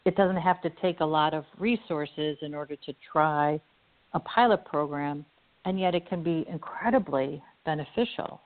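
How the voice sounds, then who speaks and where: A woman's voice: low-pitched, normal speed. Earnest Midwestern woman on a tinny line. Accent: Midwestern American. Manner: earnest, animated storytelling. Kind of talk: conversational interview. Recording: phone-like lo-fi line.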